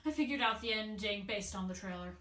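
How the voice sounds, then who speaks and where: A woman's voice: mid-range voice, natural voice. A woman voicing young Sherlock, a clever, bored, know-it-all boy, acting in an amateur audio drama. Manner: cocky, excitable, quick to complain of boredom. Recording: roomy echo, faint noise.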